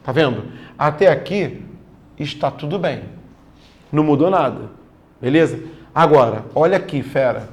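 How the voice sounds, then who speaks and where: A man's voice: fairly high pitch, expressive, moderate pace, long pauses. Man teaching grammar, chatty. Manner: casual slangy classroom talk, checks in often with students. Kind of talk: exam-prep grammar lesson.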